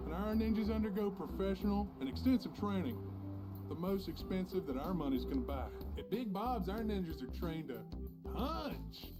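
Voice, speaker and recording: A man voicing a sleazy, pushy male pitchman in a spoof commercial played back from an old VHS tape, with over-familiar hard-sell patter. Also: expressive, normal speed, over music. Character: sleazy, pushy male pitchman selling cut-rate ninja hitmen.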